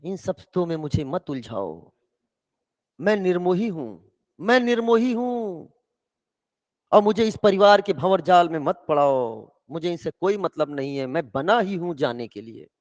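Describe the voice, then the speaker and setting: Male teacher voicing a calm, aloof ion in a classroom storytelling bit, high voice, lo-fi hall recording. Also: measured pace. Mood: detached. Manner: quiet, detached, repeating himself. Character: aloof male diazonium ion, calmly renouncing family. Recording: echoey hall, dull lo-fi sound.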